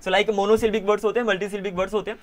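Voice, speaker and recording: High-voiced man teaching English. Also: level tone, very fast. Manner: casual, self-correcting, mixes Hindi and English. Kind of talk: online spoken-English class.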